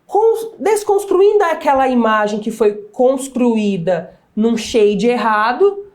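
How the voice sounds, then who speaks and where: A woman talk show host with a slightly high voice. She speaks in a measured way and builds long questions for her guest. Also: lively intonation, a little mellow. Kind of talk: studio talk show discussion.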